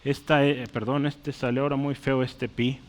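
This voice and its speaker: A man preaching a sermon, explaining words slowly as he writes them on a board and often checking in with his listeners. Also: mid-range voice, level tone. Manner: asks "¿verdad?" and "¿sí?" often. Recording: long hall reverb.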